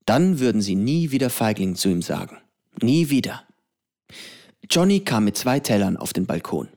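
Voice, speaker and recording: Calm male audiobook narrator. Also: mid-range voice, normal speed, gravelly. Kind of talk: audiobook reading.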